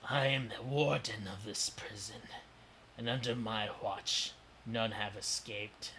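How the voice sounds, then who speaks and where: A menacing beholder warden speaks in a deep, nasal voice, hissing its threats half under its breath, as a man puts it on for a tabletop game. The voice has a bright, sharp edge. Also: steady tone, a little slow.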